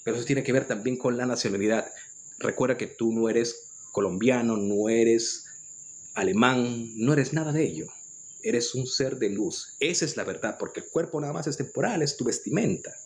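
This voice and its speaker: A man's voice: medium pitch, moderate pace. A man with a Peruvian accent giving an earnest, lecturing spiritual monologue, often restarting his phrases. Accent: Peruvian Spanish. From Peru. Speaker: spiritual commentator.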